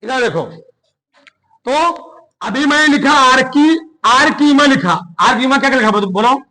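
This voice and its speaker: A male chemistry teacher with a strikingly high voice lectures a classroom, his carrying a tinge. He constantly fires rhetorical questions at the students and repeats each key term back to them. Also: a little slow, sharp tone, low-quality recording.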